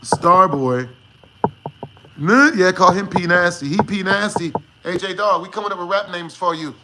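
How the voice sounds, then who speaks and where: Male streamer, high-pitched, unhurried, joking slangy chat, casual swearing. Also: noisy background. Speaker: live streamer. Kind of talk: casual livestream chat with viewers.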